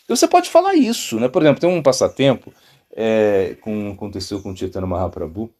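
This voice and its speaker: Brazilian monk, middle-aged man, informal teaching, animated pitch, halting storyteller. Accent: Brazilian Portuguese. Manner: rambling, with many fillers and restarts, lively storytelling. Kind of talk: informal spiritual talk.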